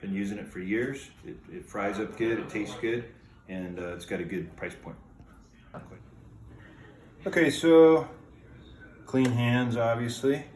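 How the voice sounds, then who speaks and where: A man hosting a casual cooking video in a home kitchen, talking step by step in a relaxed, plain way with many "uh"s and "um"s. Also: lowish voice, slight background noise. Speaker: home cooking show host.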